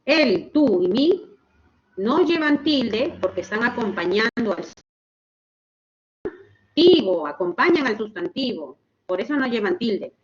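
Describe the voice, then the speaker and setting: A woman teaching a grammar lesson online, explaining slowly and checking in with her students. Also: on the high side, sing-song, highs cut off, a little hiss or hum. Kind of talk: online class lecture.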